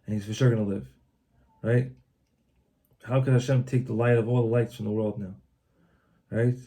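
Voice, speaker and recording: A man retelling a religious book aloud, translating as he goes in a halting, informal way with many restarts. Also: mid-range voice, steady tone, dark tone. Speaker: reader retelling a religious text. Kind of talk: loose spoken retelling of a book. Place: Old City of Tzfat, Israel.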